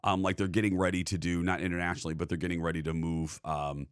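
Podcast co-host, male, deep voice, dry close mic, easygoing banter with lots of "uh.". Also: flat delivery, quick pace, clean tone, no echo. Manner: chatty, laughs easily, frequent fillers. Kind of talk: casual chat.

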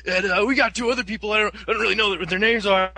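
Brash announcer played by a man, husky, high, bright, swooping. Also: fairly even intonation, very fast, no room sound, exaggerated voice. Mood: hyped. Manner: over-the-top, boastful. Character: brash hyped-up male announcer.

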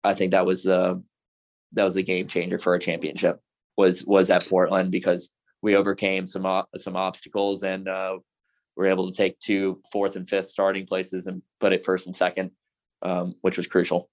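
A young man with a very low, flat voice answers a podcast interviewer's questions about his racing season. He speaks earnestly and in fits and starts, often breaking off and restarting his sentences. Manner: earnest, halting with many restarts. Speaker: racing driver guest.

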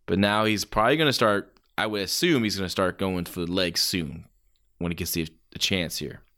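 A man's voice: sits low, brisk, bright, forceful tone. A man doing casual play-by-play as a wrestling commentator, reacting with exclamations and the odd swear word.

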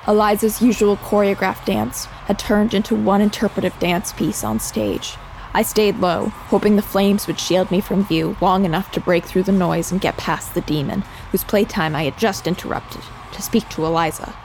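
A woman's voice: mid-range voice, moderate pace, gravelly, a little hiss or hum, close to an everyday voice. An actress playing a determined young woman who narrates her own ordeal in an audio drama and speaks with urgency in her scenes. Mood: calm narration. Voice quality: steady, earnest narration that turns urgent in dialogue. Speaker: first-person narrator and lead character.

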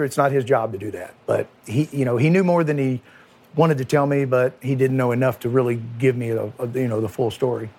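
A middle-aged man, a former police chief recalling a painful night in a halting, emotional way, often repeating words and dropping his voice. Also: mid-range voice, husky. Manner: halting, repeats words, quiet and heavy at times. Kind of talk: emotional first-person recollection.

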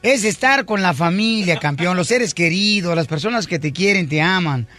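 A man's voice: high voice, animated, normal speed, a crowd in the background. A man hosting a radio show, bantering playfully and telling jokes. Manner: playful, laughs a lot, tells jokes.

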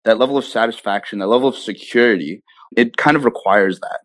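A young adult tech startup founder answers interview questions in a casual, enthusiastic way, often checking in with "right?" and "you know". His voice is lowish and a bit bright, he talks quickly, and there's no echo.

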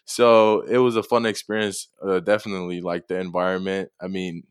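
Young male athlete from Tonga, deep flat voice, smooth, dry sound. soft-spoken and hesitant. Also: normal speed, dry recording. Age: young adult. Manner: soft-spoken, hesitant, many fillers and chuckles. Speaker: football player guest. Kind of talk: casual interview answers.

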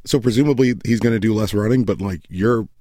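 Low-voiced man, sarcastic, matter-of-fact podcast chat. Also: quick pace, dark tone, no room sound, studio quality. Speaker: podcast co-host. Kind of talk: casual soccer podcast chat.

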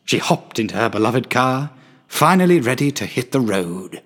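A man's voice: medium pitch, sing-song, moderate pace, a bit bright. A man reading a darkly comic story in a wry, dramatic storytelling manner. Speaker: narrator. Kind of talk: scripted story narration.

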